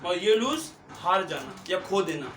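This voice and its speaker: A man's voice: high voice, sing-song, measured pace, a bit bright, a little hiss or hum. A male teacher explaining physics to a class, mixing English phrases into his talk and repeating questions to the students. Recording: echoey classroom, mic far off. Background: students' voices.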